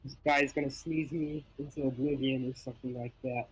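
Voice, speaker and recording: A man's voice: medium pitch, steady tone, fairly quick, slight background noise, low-quality recording. A young man with allergies chatting casually on a gaming stream, rambling and laughing often. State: stuffy from allergies. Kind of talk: casual chat while gaming.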